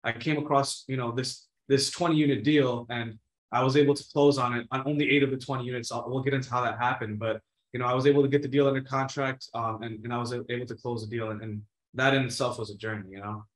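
A man's voice: mid-range voice, steady tone, fast talker. A twenty-one-year-old man speaking as a guest on a video call interview, talking casually with many restarts and "you know"s. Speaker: guest, real estate investor. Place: home room, plain wall. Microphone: video call webcam. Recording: roomy echo.

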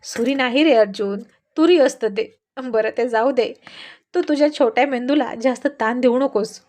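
A woman's voice: fairly high pitch, normal speed, natural voice. Woman playing an amused, teasing mother. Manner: laughing, gently teasing. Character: amused, affectionate mother and wife.

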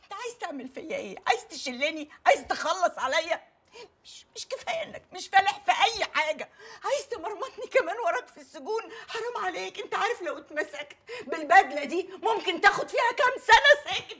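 A woman's voice: fairly high pitch, lively intonation, fast talker, breathy edge. An actress playing a bossy, scolding woman with an Egyptian accent, in a comedy film. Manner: scolding, sharp. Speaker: film character.

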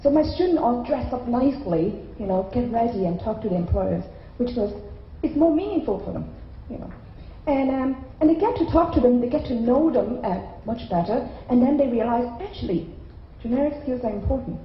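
A middle-aged keynote speaker who grew up in Ireland talks animatedly and a little fast, her voice slightly high, into a handheld mic. She keeps things conversational, often tossing in "okay?". Recorded in a large hotel conference hall, the sound is roomy and slightly dull, with slight background noise.

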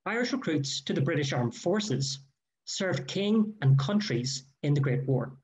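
A man giving a formal, measured history lecture read from a prepared text. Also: on the high side, a little mellow. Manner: measured, careful delivery with quoted sources. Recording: dull lo-fi recording.

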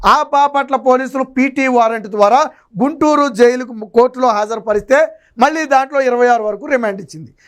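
High-pitched man giving scornful commentary. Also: fairly bright tone. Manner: scornful, rhetorical questions, quotes others mockingly. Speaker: political commentator. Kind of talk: news commentary monologue.

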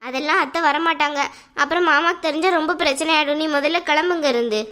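A sharp-tongued, scornful young woman in a cartoon family drama, voiced by a woman. Her voice is high and bright, and she speaks with sarcastic bite. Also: quick pace. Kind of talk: animated family drama dialogue.

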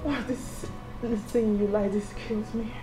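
A woman's voice: fairly high pitch, fairly even intonation, measured pace, music in the background, lightly acted. A woman with a Nigerian accent playing a middle-aged mother-in-law who scolds hard with jabbing "Eh?"s yet is torn, in a film. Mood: pleading tenderly. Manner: scolding, repeats "Eh?" as a jab. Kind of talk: Nollywood film acting.

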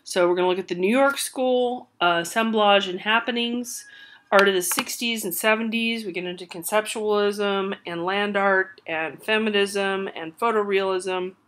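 A woman's voice: medium pitch, steady tone, normal speed, fairly bright tone, a little hiss or hum. A woman giving a recorded art history lecture with hiccups, talking loosely with many fillers and restarts.

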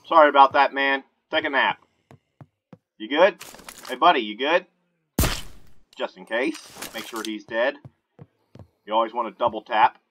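A man giving casual, excitable commentary while he plays a shooting game, talking to himself into a close mic. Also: mid-range voice, unhurried, long pauses. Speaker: gamer. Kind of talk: gameplay commentary. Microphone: desk mic held close. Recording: noisy home recording.

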